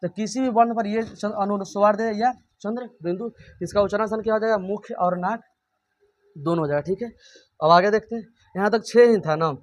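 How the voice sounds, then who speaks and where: A man's voice: sits high, a little fast, highs cut off. A man teaching a grammar lesson. He keeps asking and answering his own questions and repeats every point.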